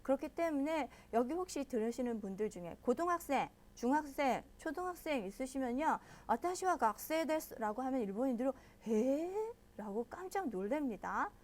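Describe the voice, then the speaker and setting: Woman, language teacher, high voice, patient step-by-step explanations, frequent check-ins. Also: lively intonation. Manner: models pronunciation slowly and loudly. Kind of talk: online language lesson.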